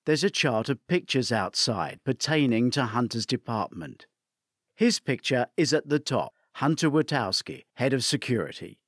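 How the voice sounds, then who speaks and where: A man narrating a first-person thriller audiobook in an expressive storytelling manner. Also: medium pitch, normal speed, dry recording, clean studio sound.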